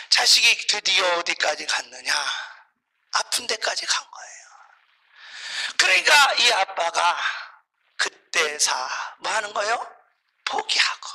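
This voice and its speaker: Fervent bright-voiced Korean pastor preaching. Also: male voice, very high-pitched, husky, poor audio. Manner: fervent, shouting exclamations, animated storytelling. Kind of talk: sermon.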